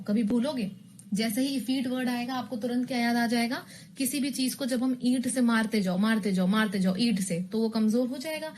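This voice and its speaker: A woman's voice: on the high side, a little mellow, a little hiss or hum. A woman teaching English in a recorded online exam-prep lesson. She explains rules with memory tricks and keeps asking her students questions.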